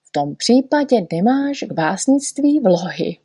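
A woman's voice: a little high, big pitch swings, mellow, husky, no room sound, clean studio sound, pitched above the performer's own voice. A woman voicing a fussy little male poet in a storybook reading, patiently explaining and correcting. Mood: lecturing.

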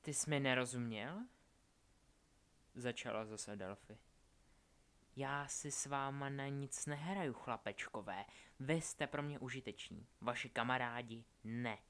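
A man's voice: medium pitch, a bit bright, natural voice. A man voicing a cruel, scheming young witch who taunts and threatens. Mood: mocking. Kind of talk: audiobook character voice.

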